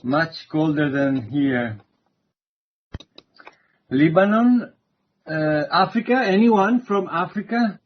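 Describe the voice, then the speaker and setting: Slow-talking lecturer, muffled online audio. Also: male voice, on the high side, animated. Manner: slow, hesitant, many fillers. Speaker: university lecturer.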